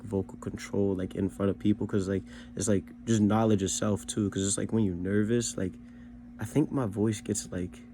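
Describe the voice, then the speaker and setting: Speaking in a warm, lowish voice, a young vlog host, a rapper learning to sing, casually runs through his karaoke shows. His talk is relaxed and slangy, peppered with fillers such as "you know what I mean." There's slight background noise.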